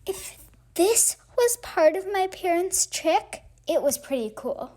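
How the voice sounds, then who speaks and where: A woman reading a picture book aloud in an expressive, halting way with emphatic phrasing. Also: very high voice. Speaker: read-aloud host.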